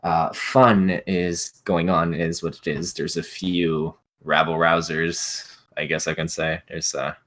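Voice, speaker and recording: Deep-voiced man running a tabletop game. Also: little pitch movement, takes it slowly, hardly any pauses, a bit bright. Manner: loose, hesitant narration with many fillers. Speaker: game master. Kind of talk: narrating a tabletop game, live stream.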